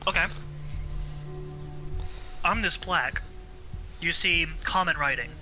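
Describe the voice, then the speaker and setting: A man narrating a tabletop game as game master in a relaxed, searching way with fillers. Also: fairly high pitch, slow, soft background music, low-quality recording. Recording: faint ambient noise.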